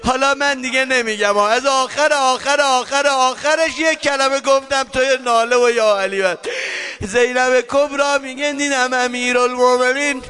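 High, bright-voiced man chanting a mourning recitation. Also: steady tone. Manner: alternates chanting with spoken storytelling, addresses listeners directly.

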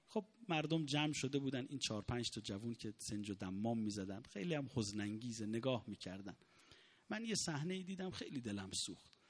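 A man's voice: mid-range voice, husky. A man preaching a mourning sermon, emotive in his storytelling, his voice rising in the moving moments.

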